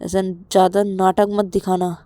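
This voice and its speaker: A woman's voice: medium pitch, little pitch movement, dark tone, no echo, lightly acted. A woman voicing a domineering, threatening young male lover who gives harsh orders. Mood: menacing. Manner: harsh, menacing, rapid-fire demands.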